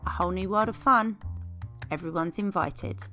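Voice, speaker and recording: A woman hosting a podcast in casual chat, talkative and quick to laugh, with plenty of fillers. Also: fairly low pitch, over music. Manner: chatty, laughs often, many fillers. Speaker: podcast host.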